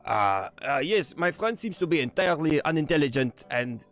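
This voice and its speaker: A man voicing a haughty French gentleman adventurer with a put-on French accent, dismissive of his hurt friend. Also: high voice, sing-song, rapid-fire, creaky, soft background music, pitched above the performer's own voice, exaggerated voice. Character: smug dark-haired French gentleman adventurer.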